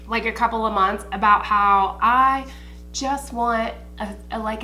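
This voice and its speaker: A woman's voice: a little high, creaky, pushed and bright, a little hiss or hum. An American woman chatting informally like a makeup tutorial host in a beauty haul review, slangy and swearing freely. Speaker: beauty vlogger.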